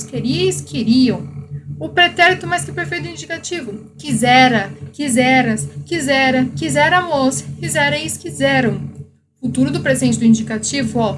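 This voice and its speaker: A woman's voice: high voice, rough recording. A woman teacher with a Brazilian Portuguese accent, reciting verb conjugations in a grammar lesson for exam students and checking in with "tá?" and "né?". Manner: recites verb tables, adds frequent "tá?" and "né?".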